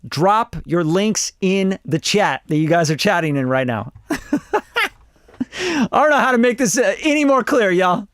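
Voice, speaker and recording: Very animated and a bit bright, the high voice of a music producer in his forties from Costa Rica moves a little slowly in a dry, studio-quality recording. He chats bluntly and rambles with swearing while reviewing songs on a livestream.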